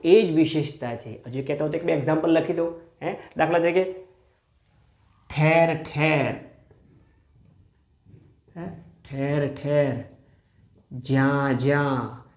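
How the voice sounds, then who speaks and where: A man teaching a grammar lesson. He poses questions to the class, says example words slowly, and checks in with "hm?". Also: on the high side. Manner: asks the class rhetorical questions. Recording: echoey room.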